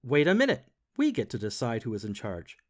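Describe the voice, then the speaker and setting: A man's voice: medium pitch, wildly swooping pitch, fairly quick. A man doing Mister Paws, an eager good dog.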